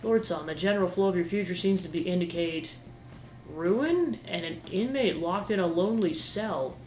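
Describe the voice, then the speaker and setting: Gamer doing a mysterious fortune teller lady, polite n ominous, medium pitch, echoey. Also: moderate pace, darkish tone, a little hiss or hum, lightly acted. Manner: soothsaying, formal fortune-teller patter. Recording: roomy echo with game music behind.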